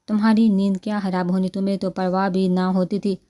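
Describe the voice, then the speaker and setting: A woman's voice: mid-range voice, level tone, warm tone, lightly acted. A woman reading the lines of a spirited young bride who bosses her relatives around. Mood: annoyed. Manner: bossy, demanding.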